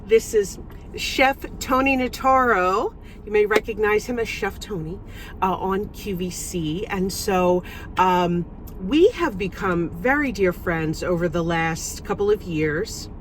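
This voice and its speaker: A woman's voice: mid-range voice, a little slow, slight background noise, low-quality recording. A woman hosting a casual, chatty interview from inside a parked car. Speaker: host.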